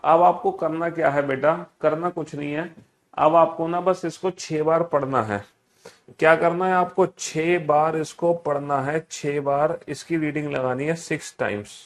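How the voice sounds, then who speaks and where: Coaxing, repetitive male teacher. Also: a little high. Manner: repetitive, coaxing, drills students by rote; affectionate and teasing with students. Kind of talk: classroom lesson.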